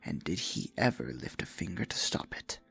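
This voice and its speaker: In a fantasy ASMR roleplay, a man voices a possessive, theatrical dark sorcerer, murmuring silky threats and mock-sweet pet names in a husky, gravelly tone. His pitch is extremely low yet swings widely, the pace moderate and the acting heavy. Underneath, he sounds bitter and wounded.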